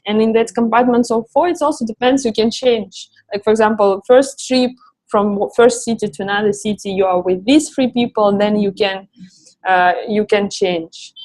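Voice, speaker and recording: A woman answers interview questions, pausing often to find her words. Her voice is worn and getting hoarse. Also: medium pitch, fairly even intonation, a little mellow, rough recording. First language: Russian. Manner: searching for words, many restarts and fillers. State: losing her voice. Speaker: founder of a travel project.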